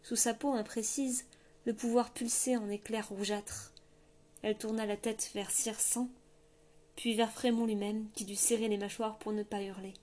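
A woman narrating a fantasy novel in a steady, measured storytelling voice. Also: fairly high pitch. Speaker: audiobook narrator. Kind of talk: scripted narration.

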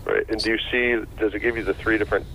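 A man's voice: fairly low pitch, fairly even intonation, fast, creaky, crowd noise. A man heard over a phone line, explaining a topic patiently, step by step. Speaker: guest expert. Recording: dull phone line, faint noise.

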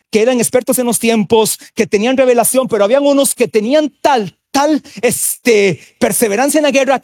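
A man, a pastor, preaching a sermon, drawing out key words slowly and breaking into sudden shouts. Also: very high-pitched. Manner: preaching with emphatic swings, drawn-out stressed words and sudden shouts.

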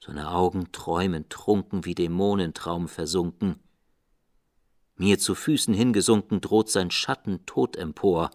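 Deep, slow-reciting man. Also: darkish tone, dry recording, studio quality. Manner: declamatory, theatrical. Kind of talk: dramatic poetry recitation.

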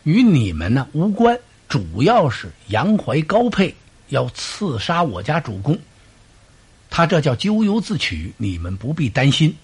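A man voicing a cool, stern male strategist who speaks in low, clipped commands, in a traditional storytelling performance. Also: wildly swooping pitch, measured pace, a little mellow, breathy edge, exaggerated voice. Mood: measured.

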